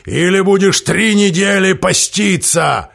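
A man voicing a huge, superstitious male ship's shaman who roars slow, drawn-out threats. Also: creaky, fairly bright tone, full character voice. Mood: suspicious menace. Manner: booming, roaring, drawn-out threats.

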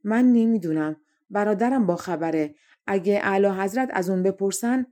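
A spiteful, jealous young man schemes against his own brother, as a woman narrator puts him on. He talks slyly and bows and flatters before the king. The delivery is mellow and warm, in the manner of a storybook reading. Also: mid-range voice, lightly acted. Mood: scheming. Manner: sly, fawning toward the king.

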